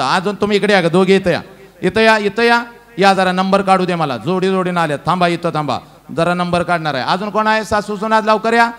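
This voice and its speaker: A middle-aged man, a motivational speaker addressing a women's gathering. He teases and bosses the crowd with humor, swinging between loud calls and hushed, earnest pleas. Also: sits high, smooth. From western Maharashtra. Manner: teasing, humorous, bossy with the audience.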